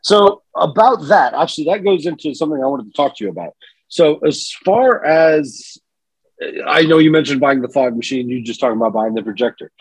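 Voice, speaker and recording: Podcast co-host, male, husky, lively pitch, dry close mic, playful banter. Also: fairly quick, no echo, poor audio. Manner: playful, joking, animated. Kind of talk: casual chat.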